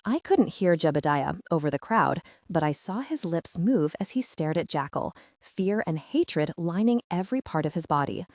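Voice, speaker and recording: A woman's voice: lowish voice, lively intonation, normal speed, hardly any pauses, darkish tone, no room sound, clean studio sound. A woman narrating an audiobook with tense, dramatic storytelling.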